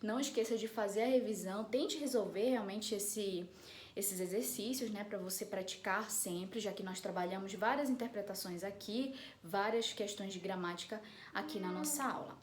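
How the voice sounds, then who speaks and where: A woman's voice: medium pitch, normal speed, a little hiss or hum. A woman with a Brazilian accent teaching an online class, explaining step by step and often checking in with her students. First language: Portuguese. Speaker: Spanish teacher.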